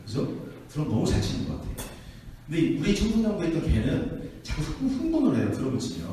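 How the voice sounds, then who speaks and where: A man preaching a sermon to a youth group, telling stories in an animated way and acting out the people in them. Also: on the high side, quick pace. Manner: animated storytelling, acting out quotes. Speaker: youth pastor. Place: church hall. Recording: echoey hall from far off.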